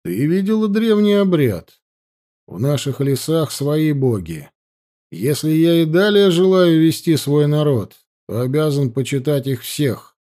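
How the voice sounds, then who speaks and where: A man's voice: on the high side, sing-song, dark tone. Man doing a cold young werewolf chieftain. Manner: cold, measured, evasive.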